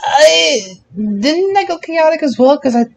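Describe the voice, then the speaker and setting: With a very high-pitched, somewhat creaky voice and lively intonation, a man co-hosts a podcast at a slightly slow pace. He recaps wrestling shows informally, bantering and now and then stumbling over his words.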